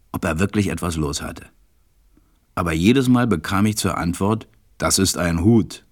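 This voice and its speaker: In a radio play, an actor portrays a grown pilot wistfully recalling his life as a storyteller. His low, slightly mellow voice is measured and reflective, with a wry, reflective mood.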